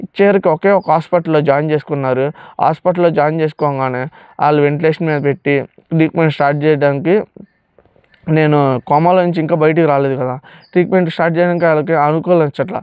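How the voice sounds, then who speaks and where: Fast-talking young man giving a testimony. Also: on the high side, steady tone, darkish tone, clean tone, no echo. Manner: fast emotional storytelling, acts out pleading quotes. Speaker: testimony speaker. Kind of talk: personal testimony.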